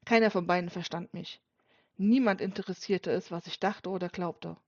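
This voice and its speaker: Woman calmly reading an audiobook. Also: lowish voice, moderate pace, dry recording. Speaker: audiobook narrator. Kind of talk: scripted first-person narration. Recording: dull dry lo-fi recording.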